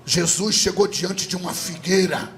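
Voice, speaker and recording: A male Brazilian Pentecostal pastor preaching, who swings from loud sing-song shouting to low, intimate teaching. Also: normal speed, gravelly, slight background noise. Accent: Brazilian Portuguese. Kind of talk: Pentecostal sermon. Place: rooftop church service.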